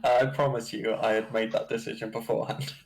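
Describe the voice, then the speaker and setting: A man running a tabletop game as dungeon master, narrating in a slow, halting way with chuckles. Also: lowish voice, flat delivery, vocal fry, poor audio.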